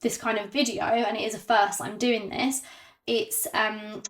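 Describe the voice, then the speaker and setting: A woman vlogging to camera without a script, hesitant and self-conscious, with many ums and pauses, and slightly out of breath. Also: mid-range voice, level tone, fairly bright tone. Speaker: YouTuber. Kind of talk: unscripted talk to camera.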